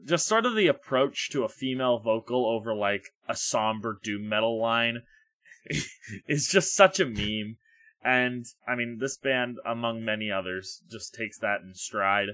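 Male podcast co-host, wry relaxed music chat, bright edgy tone, dry sound. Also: medium pitch, a little slow, dry recording. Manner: relaxed, wry, filler-heavy. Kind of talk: casual music review chat.

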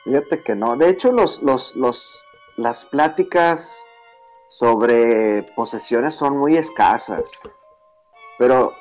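Slow-talking man. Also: medium pitch, a little mellow, lo-fi sound, faint music behind. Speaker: podcast co-host. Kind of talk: casual chat.

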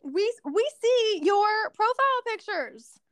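High-voiced chatty woman on a podcast. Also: slow pace, dry recording. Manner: chatty, animated, lots of "like". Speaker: podcast co-host. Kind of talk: casual podcast chat.

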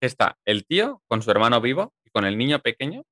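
A man from chatting casually about a film, lively and emphatic, with casual swearing. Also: mid-range voice, a little fast, dry recording, clean studio sound.

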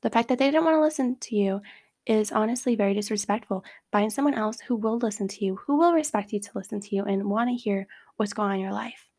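A woman's voice: mid-range voice, quick pace. A woman hosting a casual advice talk, speaking in a chatty way with lots of fillers like "like.". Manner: acts out quoted remarks in a brighter voice. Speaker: host giving advice.

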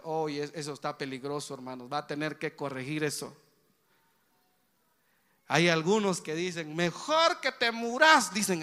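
A man's voice: fairly high pitch, sharp tone, long reverb tail. A man preaching a sermon in a church, often addressing the congregation as brothers and putting direct questions to them. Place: church hall.

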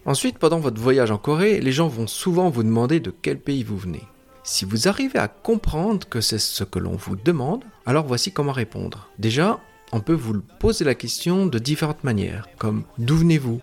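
A man explaining a language lesson with a lively, rising and falling voice. He is patient and methodical, slowing down to break each sound apart. Soft music plays faintly behind him. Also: medium pitch, creaky. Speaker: language teacher.

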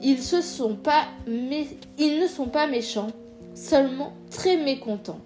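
A woman reads a children's storybook aloud, slow, clear and expressive. Her voice sits high. Faint instrumental music plays behind her.

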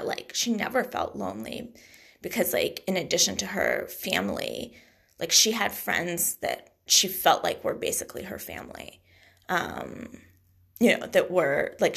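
Young woman, solo podcast host; very gravelly, breathy voice, hesitant and rambling delivery. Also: on the low side, a bit bright. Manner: rambling and hesitant, many fillers. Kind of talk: casual solo podcast chat.

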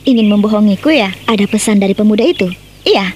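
A woman's voice: mid-range voice, expressive, fast talker, darkish tone, slight background noise, close to an everyday voice. An actress playing a playful young village girl who teases her friend in a radio drama. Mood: teasing. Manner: playful, teasing.

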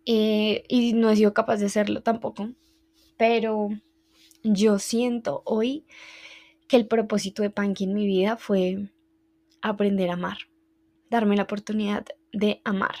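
Flat-voiced woman telling a story. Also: medium pitch. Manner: reflective, heartfelt, halting recounting. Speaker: podcast host. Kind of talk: personal storytelling monologue.

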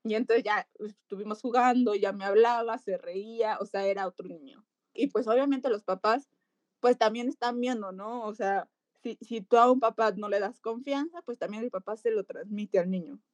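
A woman with a Mexican accent, a physiotherapist telling a lively story in an interview and acting out voices. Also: medium pitch, moderate pace, no echo. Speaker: pediatric physiotherapist.

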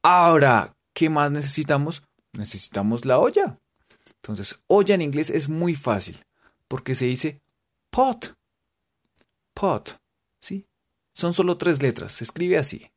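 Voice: medium pitch, animated, measured pace, pauses often. A teacher with a Colombian Spanish accent, playfully spelling out English cooking words letter by letter and making jokes. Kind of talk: spelling out vocabulary in a casual lesson.

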